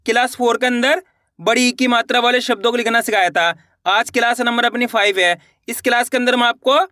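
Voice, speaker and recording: Male teacher, Hindi accent from India, step-by-step lesson, bright, dry close sound. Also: very high-pitched, no room sound. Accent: Hindi-speaking India. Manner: repeats words, asks and answers own questions.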